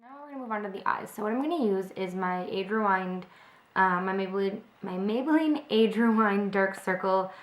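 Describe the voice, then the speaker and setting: A young woman of medium pitch and brisk delivery chats casually through a makeup tutorial, sprinkling in frequent ums. She's a beauty vlogger who is slightly sick, so her voice is a bit off. A close-range webcam films her indoors in her home kitchen by a window, and the room sounds echoey.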